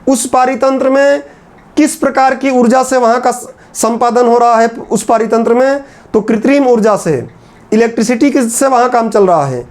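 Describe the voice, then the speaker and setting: A man giving a classroom lecture at a board, repeating phrases slowly so students can write them down. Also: very high-pitched, darkish tone. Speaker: teacher.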